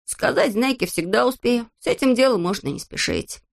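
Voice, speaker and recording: Figure: excitable boyish shorty voiced by a woman. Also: a little high, normal speed, vocal fry, pitched above the performer's own voice. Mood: pleased. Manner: eager, exclaiming, boastful. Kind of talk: storybook character voice.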